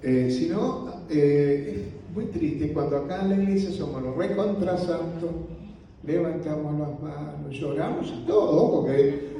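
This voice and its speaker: A male pastor with a Rioplatense Spanish accent teaching on leadership in a church, speaking softly and slowly, often ending phrases with a questioning "right?". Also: fairly high pitch, a little hiss or hum. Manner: slow, unhurried delivery with frequent "¿no?" tags; softly spoken. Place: church hall. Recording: roomy hall audio from a distance.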